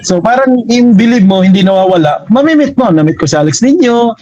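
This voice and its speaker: Animated Filipino man telling stories. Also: high-pitched, a little fast, dry recording, dull audio. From Mindanao, Philippines. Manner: animated, lively storyteller. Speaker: guest comic artist. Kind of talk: casual storytelling.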